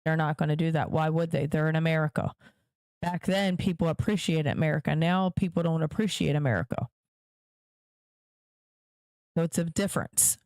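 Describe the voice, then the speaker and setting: Low and darkish, her voice comes through at studio quality with no echo. She hosts her own podcast and addresses viewers directly with forceful political commentary, returning to points repeatedly to stress them.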